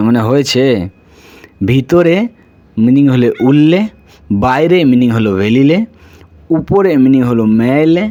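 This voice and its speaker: A man giving a casual spoken language lesson, repeating each phrase slowly and then explaining what it means. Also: fairly high pitch, warm tone. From India. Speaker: language teacher.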